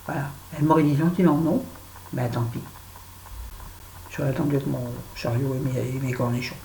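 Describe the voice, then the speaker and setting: A woman chatting to camera as a beauty vlogger, blunt and self-mocking, with lively asides. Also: very deep voice, brisk, vocal fry. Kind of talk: casual chat to camera. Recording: echoey room with faint background noise.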